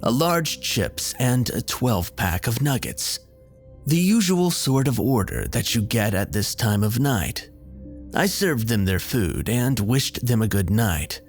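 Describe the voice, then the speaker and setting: A man narrating a first-person horror story in a measured storytelling manner. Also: mid-range voice, expressive, soft background music. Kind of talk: scripted narration.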